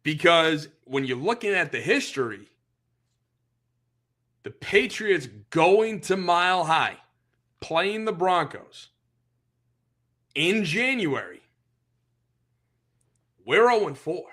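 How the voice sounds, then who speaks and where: A man hosting a sports podcast, ranting as an opinionated fan in a casual, animated way. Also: a little high, slow pace, long pauses.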